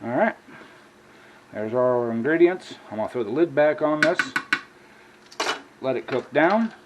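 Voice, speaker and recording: A man's voice: mid-range voice, lively intonation, unhurried, muffled recording. An American man hosting a casual home cooking vlog, talking to viewers in a folksy, plain-spoken way. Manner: folksy, addresses viewers as y'all. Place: indoor home kitchen. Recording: clear background noise, kitchen ambience.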